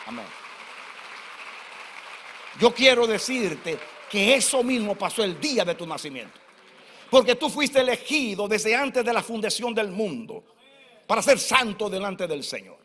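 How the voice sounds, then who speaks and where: A man's voice: sits high, very animated, unhurried, long pauses, sharp tone, some chatter behind. A man in his sixties, a pastor giving a fervent sermon full of personal testimony in a church hall. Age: 60s. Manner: fervent, personal storytelling preaching. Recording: long church-hall reverb.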